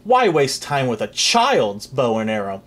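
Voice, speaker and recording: Narrator doing a bossy fairy-tale king, husky, lively swoops, booming orders. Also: measured pace. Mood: commanding. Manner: commanding, loud orders. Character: blustering impatient male king.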